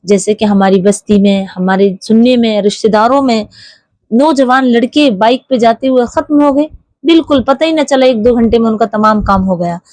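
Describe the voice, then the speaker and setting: A woman's voice: a little high, normal speed, a little mellow, no room sound. A woman giving an earnest religious talk to women, fondly addressing her listeners and reciting Arabic prayers. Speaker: religious speaker.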